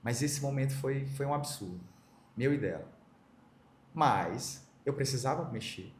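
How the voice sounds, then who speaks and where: A middle-aged man from Brazil recounts a deeply personal reunion as an interview guest. He tells it vividly, slipping into the voices of the people he quotes. His mid-range voice echoes in the room, over a faint background hiss. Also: expressive, a little slow. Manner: emotional, vivid storyteller acting out quoted dialogue. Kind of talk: personal storytelling in a podcast interview.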